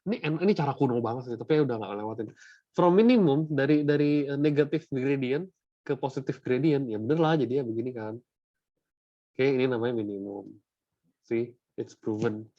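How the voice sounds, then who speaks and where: A man's voice: medium pitch, normal speed, no echo. Young indonesian guy teaching maths, chatty, keeps asking right?, dry dull sound. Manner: casual, chatty, asks for confirmation often. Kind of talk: classroom lesson mixing Indonesian and English.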